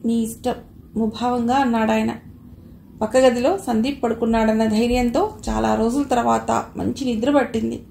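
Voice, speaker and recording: A woman reading a first-person audio novel in a measured, expressive way. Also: a little high, creaky. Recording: roomy echo, faint hiss.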